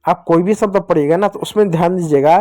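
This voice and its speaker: A man's voice: high-pitched, fast talker, warm tone, dry recording. A young man teaching children English phonics, asking questions and answering them himself and repeating key points. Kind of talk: classroom-style phonics lesson.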